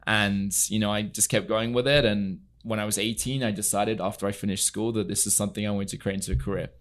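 A man's voice: fairly low pitch, steady tone, fast, fairly bright tone. A young man from England, a guest in a studio interview, talking earnestly with many fillers. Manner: earnest, storytelling, frequent fillers. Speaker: podcast guest, equestrian entrepreneur. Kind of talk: casual interview chat. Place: podcast studio.

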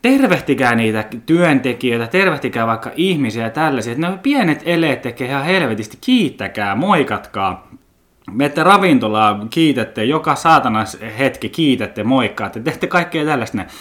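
A man's voice: medium pitch, expressive, a bit bright. A man with a Finnish accent hosting a podcast, rambling casually in a blunt, joking way, swearing often and tripping over his words. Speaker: podcast host.

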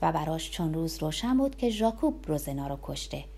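Low-voiced woman reading a novel. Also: very animated, mellow, breathy edge. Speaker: audiobook narrator.

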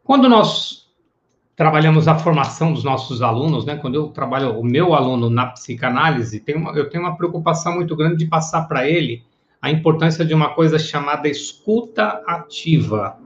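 A man with a somewhat high voice gives a live-streamed psychoanalysis lecture and keeps asking his viewers whether they follow. The sound is roomy and echoey, and the audio is dull and lo-fi. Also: lively intonation, brisk. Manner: explanatory, greets viewers by name, tag questions. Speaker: psychoanalysis teacher.

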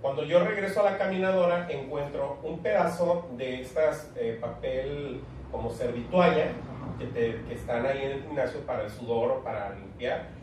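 Mexican man telling a story, echoey. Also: normal speed. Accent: Mexican Spanish. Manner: slangy storytelling, animated quoting. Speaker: co-host. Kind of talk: casual chat. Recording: echoey room, far from mic, faint rumble.

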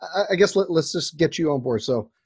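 A man co-hosting a podcast interview, excitable and slangy, loose with fillers and restarts. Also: fairly high pitch, brisk, husky, no room sound, studio quality. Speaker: podcast co-host.

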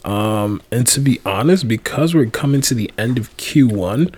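Man, young adult, podcast co-host, casual chat, animated pitch, laughs a lot. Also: moderate pace, slightly rough. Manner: excitable, laughing, loud outbursts.

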